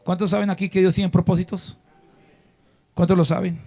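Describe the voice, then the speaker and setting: A man's voice: high voice, flat delivery, moderate pace. A male pastor preaching a sermon to a congregation, firing rhetorical questions and asking the listeners to repeat phrases after him. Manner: shifts between loud exhortation and hushed emphasis.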